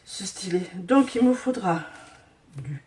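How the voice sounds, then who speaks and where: A woman's voice: mid-range voice, lively intonation, slow pace, background noise. A woman hosting a casual craft tutorial who hesitates often with fillers while she sorts beads and talks to viewers.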